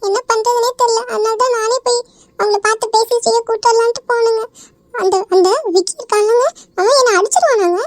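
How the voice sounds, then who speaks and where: A performer voicing a distraught middle-aged mother in an animated cartoon, pleading through tears. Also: very high-pitched, brisk, no room sound, studio quality. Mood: tearful pleading. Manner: pleading, sobbing.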